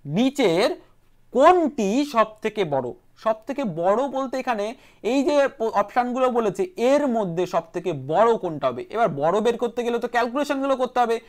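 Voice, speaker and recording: Lady doing a quick math class online, talks thru each step, says things twice. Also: on the high side, lively intonation, a little mellow. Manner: brisk, repeats key steps and numbers aloud. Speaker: math teacher. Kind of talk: online exam-prep math lesson.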